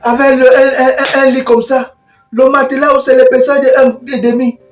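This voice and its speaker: A demanding, freeloading older brother who calls himself the head of the family, played by a man. He whines and protests, swinging from loud to mumbling, in a comedy sketch. His voice sounds roomy and set back from the mic, with faint music behind. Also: very high voice, little pitch movement, normal speed, far from the mic. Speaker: comic actor.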